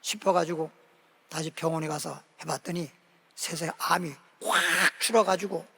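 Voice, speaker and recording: A male pastor preaching a sermon, telling a story with lively acted-out quotes. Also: a little high, normal speed, vocal fry, husky. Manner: animated storytelling, acting out quoted voices. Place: church sanctuary. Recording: long church hall reverb.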